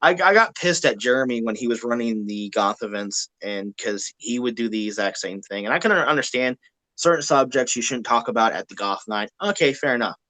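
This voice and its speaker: A man on a live stream, blunt and quick to swear, with a bright, forceful voice. He talks in a casual, laughing way. The sound is dry and close. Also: medium pitch, animated, no echo, low-quality recording. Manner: profane, blunt, laughs often.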